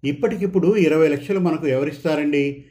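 A man's voice: on the high side, fairly quick, dark tone, natural voice. A man voicing a worried wife who pleads with her husband in a read story. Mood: pleading. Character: worried loving wife and homemaker.

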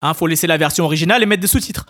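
A French man hosts a comedy podcast, delivering a scripted monologue in a slightly high, somewhat bright voice. He talks fast and sarcastically, full of asides and sprinkled with "hein" and "tu vois."

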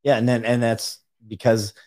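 Here the middle-aged podcast guest has a medium-pitched, darkish voice that moves little in pitch, and he speaks at a moderate pace. It's a casual conversation in which he tells stories emphatically and keeps saying "right."

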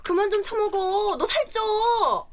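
An actress playing a sharp-tongued roommate who scolds her friend in a radio drama. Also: sits high, big pitch swings, normal speed, husky, exaggerated voice. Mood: scolding. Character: nagging roommate and hometown friend.

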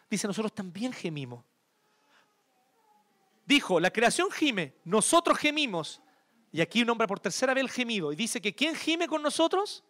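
Male preacher, Chilean accent, high and very lively pitch, expressive sermon delivery. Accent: Chilean Spanish. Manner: expressive, swings between loud emphasis and hushed tenderness. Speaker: pastor.

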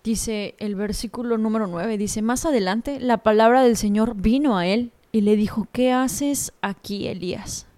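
A woman's voice: fairly high pitch, normal speed, few pauses, dark tone. Earnest young woman giving a devotional talk. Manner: earnest, personal and confiding.

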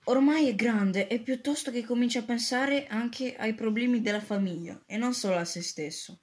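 A woman voicing a gentle middle-aged husband in a read-aloud story, speaking softly and reassuringly. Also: fairly high pitch, normal speed, close to an everyday voice. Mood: affectionate.

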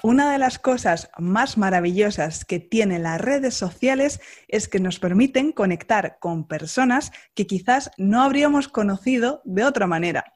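A woman from Spain, hosting a podcast and interviewing a guest in a friendly, measured way. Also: medium pitch, lively intonation, soft background music. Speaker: podcast host.

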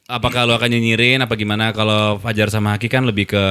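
A man's voice: lowish voice, little pitch movement, pushed and bright, clear, resonant tone. A man hosting a casual podcast chat, firing off playful questions. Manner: quick, prodding questions with playful acted quotes. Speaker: host.

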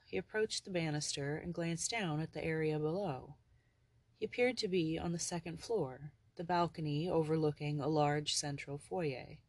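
An audiobook narrator reading a novel in a measured, descriptive way on a close mic. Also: mid-range voice, no echo.

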